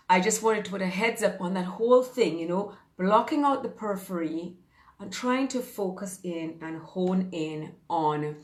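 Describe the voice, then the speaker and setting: On a live stream picked up by phone or webcam, a fitness and mindset coach in her fifties speaks in a fairly low voice with a roomy sound. Her chat is easygoing and upbeat, meandering with frequent fillers.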